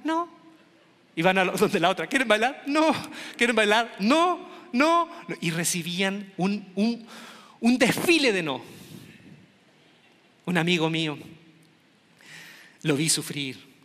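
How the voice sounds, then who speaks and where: A middle-aged man from Chile telling a comic story to an audience, animated and acting out the voices of the people in it. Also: sits high. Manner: animated, acts out quoted voices. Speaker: stand-up comedian. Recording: long hall reverb.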